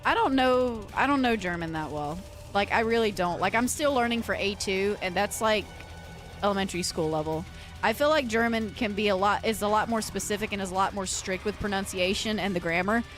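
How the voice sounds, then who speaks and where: A woman from the United States, a livestreamer and metal vocalist, chats casually and earnestly with viewers in a mid-range voice at a fairly quick pace. She rambles and often restarts sentences, with soft background music playing.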